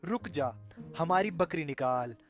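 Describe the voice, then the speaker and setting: A man voicing a foolish, overconfident young brother in a cartoon story, boastful and quick to panic. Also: on the high side, animated, faint music behind. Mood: urgent.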